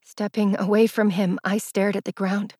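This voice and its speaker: A woman's voice: medium pitch, level tone, normal speed, a little mellow, slightly rough, no echo, studio quality. Woman narrating an emotional romance story. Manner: emotional, dramatic delivery. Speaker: audiobook narrator. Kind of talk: scripted first-person narration.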